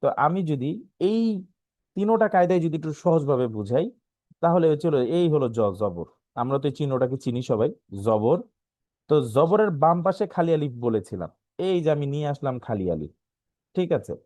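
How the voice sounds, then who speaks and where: Bangladeshi guy teaching quran reading online, kinda high voice, dry close sound, keeps asking "right?". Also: expressive, dark tone, no echo. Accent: Bangladeshi Bengali. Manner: explains slowly, often asks "right?", spells letters out. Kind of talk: online lesson.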